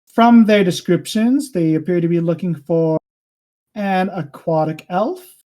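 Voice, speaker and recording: A woman voicing a stern, suspicious male king who speaks in a slow, measured, accusing way in a tabletop game. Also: lowish voice, mellow, natural voice.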